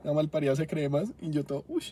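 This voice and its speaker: A young man from Bogotá vents about bad service in a loose, swear-filled rant and keeps flaring up with exasperation. His voice sits a bit high, with a mellow, slightly husky tone. He records from inside his car. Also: flat delivery. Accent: Colombian Spanish, Bogotá. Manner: profane, exasperated, quick to flare up. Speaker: podcast host. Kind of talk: casual storytelling rant.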